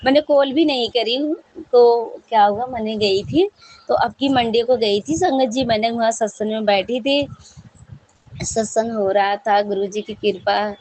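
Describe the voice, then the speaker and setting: Fervent chatty woman with a higher voice. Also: unhurried, darkish tone, rough recording. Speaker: devotee sharing a satsang experience. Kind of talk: devotional testimony to a congregation.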